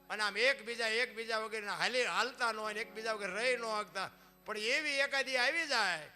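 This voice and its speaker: Kathiawadi male folk preacher, high and very bright voice, emphatic devotional sermon, faint instrument behind. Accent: Kathiawadi Gujarati. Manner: emphatic preaching, often addresses listeners as "bapu", loudness rising and falling. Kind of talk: devotional sermon on saints and scripture.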